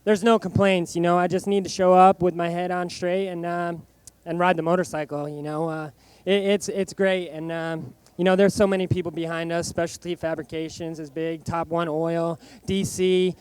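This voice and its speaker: A man giving a casual post-race interview as a racer, halting and plain-spoken, leaning on "you know". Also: high voice, flat delivery, a little mellow, smooth, no room sound. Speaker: motorcycle racer, race winner. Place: outdoor racetrack podium over microphone.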